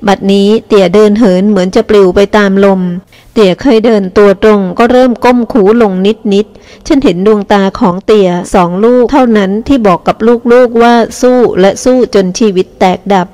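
Female audiobook reader, first-person novel, steady even narration. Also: medium pitch, moderate pace.

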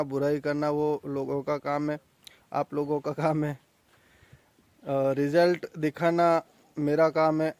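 A young man, a goat farm owner, talking casually outdoors in a boastful sales pitch for his own farm vlog. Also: darkish tone, no room sound. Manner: chatty, boastful sales talk.

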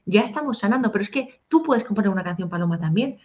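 A woman, a singer-songwriter and music teacher talking casually in an interview, animated and chatty. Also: mid-range voice, fast talker, slight background noise. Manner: animated, sings short improvised snippets. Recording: dull lo-fi audio.

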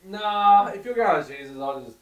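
A man's voice: sits high, lively intonation, normal speed, a little hiss or hum. A man in podcast banter, making dry wisecracks. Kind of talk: casual banter among friends. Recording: echoey room, distant mic.

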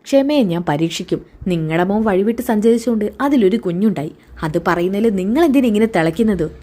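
A woman voicing a middle-aged mother who is suspicious and defiant, throwing sharp, probing retorts in a storytelling retelling of a TV serial. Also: mid-range voice, lively intonation, fairly quick, lightly acted.

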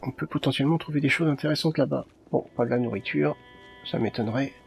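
A man commentates a video game casually. His voice is mid-pitched with a creaky, fried edge. He mutters his thoughts as he goes, over faint music. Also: fast. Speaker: let's play streamer.

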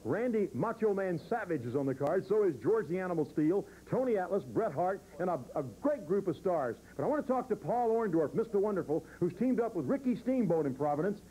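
A man's voice: sits high, very animated, brisk, few pauses, warm tone, rough recording. An older man announcing a wrestling event on television as interviewer, speaking into a handheld microphone. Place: indoor TV interview set.

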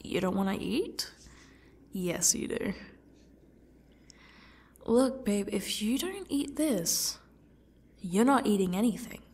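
A woman playing a smug, sadistic yandere stalker in a breathy ASMR role-play, talking to her captive in a taunting, condescending way. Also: mid-range voice, animated, heavily acted. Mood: coaxing, threatening. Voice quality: breathy, husky, dropping into speaks softly. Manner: slow, taunting, condescending, faux-gracious.

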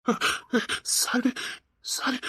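A woman's voice: very slow, a bit bright, no room sound. A woman voicing a remorseful young husband who pleads with his wife, in a Tirunelveli Tamil accent, often whispering apologies. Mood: pleading.

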